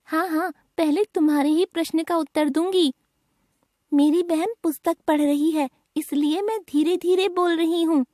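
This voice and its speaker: A woman voicing a high, bright schoolgirl. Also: steady tone, normal speed, dry recording, clean studio sound. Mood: cheerful, explaining. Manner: high childlike voice, explaining sweetly. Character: schoolgirl Riya, polite and patient. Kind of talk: textbook dialogue reading.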